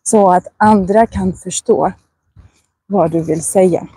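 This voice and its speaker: A woman with Russian as her first language, teaching Swedish in a casual walking vlog outdoors, enunciating words slowly and carefully and laughing often. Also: lowish voice, warm tone, slightly rough. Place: outdoors on a residential walk.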